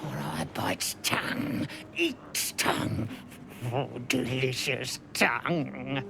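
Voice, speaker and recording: Ein krächzender, gehässiger Kobold aus einem Videospiel, mit rauer, gurgelnder Stimme, die zwischen Flüstern und Brüllen wechselt. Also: male voice, mid-range voice, huge pitch swings, takes it slowly, full character voice. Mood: snarling, menacing. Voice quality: gravelly, snarling, broken grammar. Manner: swings from hissing to shouting threats. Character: vicious little male redcap fey, gleefully bloodthirsty. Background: game music.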